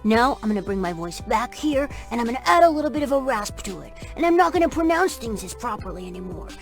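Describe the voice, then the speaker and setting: Lady walking through a voice trick step by step, kinda high voice, soft music under it. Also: big pitch swings, fast. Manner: explains step by step while trying out sounds. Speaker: voice actor demonstrating a technique. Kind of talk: instructional demo.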